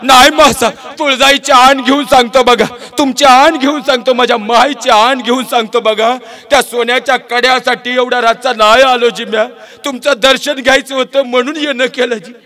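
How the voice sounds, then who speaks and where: A man's voice: very high-pitched, a little fast, few pauses, sharp tone, pitched above the performer's own voice. A man voicing an earnest young village boy who pleads insistently and tearfully. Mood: tearful pleading.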